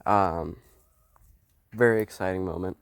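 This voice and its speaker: A young man with a low, unhurried voice walks through a truck repair in a casual vlog. He talks haltingly and fills the gaps with ums. He is recording outdoors on a phone held in his hand. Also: gravelly, smooth, dry recording. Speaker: homesteading vlogger. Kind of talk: casual how-to explanation. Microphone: phone held while filming.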